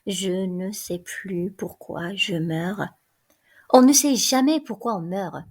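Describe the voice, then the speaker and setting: A self-important male prison guard talks bluntly and grumbles, as a woman reads his part aloud. There is no deep put-on voice, just a plain reading with a gruff edge. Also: expressive, moderate pace. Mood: plodding.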